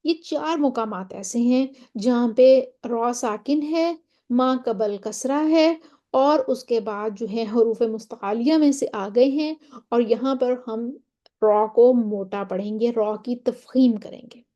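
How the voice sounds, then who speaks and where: Soft-voiced woman teaching a recitation lesson. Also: on the high side, muffled recording. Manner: explains step by step, often checking in with "theek hai?"; draws out Quranic example words slowly. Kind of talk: tajweed lesson explanation.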